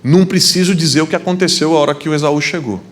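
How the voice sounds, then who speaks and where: A male pastor preaching, telling a Bible story in an animated, humorous way. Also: on the high side, fast talker. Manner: animated, acts out biblical dialogue with humor. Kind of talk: storytelling sermon.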